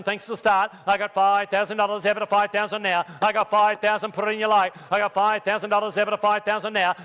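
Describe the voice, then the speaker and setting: Bright high-pitched male auctioneer in a hall. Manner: repetitive, rolling bid calls. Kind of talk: auctioneer bid calling with sales patter. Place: large sale arena. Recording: hall reverb from sale ring PA.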